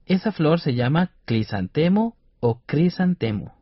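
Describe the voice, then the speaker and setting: A man with a slightly husky voice co-presents a radio reading lesson, explaining each step carefully and sounding out syllables slowly and distinctly. The studio sound is dry and a little dull. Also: medium pitch, animated, no echo. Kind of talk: scripted educational radio lesson.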